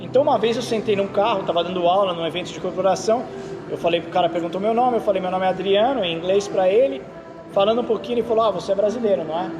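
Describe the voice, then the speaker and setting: High-voiced Brazilian man telling racing stories. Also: very fast. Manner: animated storyteller, frequent "entendeu?" tags. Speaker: racing driver and instructor. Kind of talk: casual interview chat.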